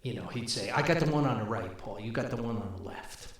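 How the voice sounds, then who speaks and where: Quick and lively in intonation, an older man's mid-range voice rambles through folksy podcast anecdotes, laughing at his own tales. The recording has a heavily reverberant, echoey room sound.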